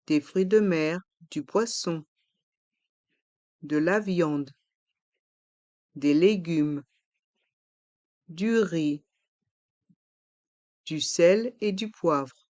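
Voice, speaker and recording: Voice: medium pitch, darkish tone, no room sound. A pronunciation teacher giving a language lesson, carefully articulating each word and repeating it several times. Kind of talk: pronunciation lesson with slow repetitions.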